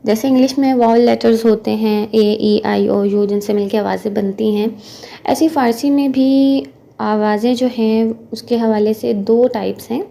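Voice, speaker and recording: A woman with an Urdu-speaking accent gives an online language lesson, walking through each sound patiently and checking in as she goes. Her voice sits a little high but has a dark, mellow color with a gravelly edge. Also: steady tone, normal speed. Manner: patient, explains step by step, often checks with "theek hai". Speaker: Persian language teacher.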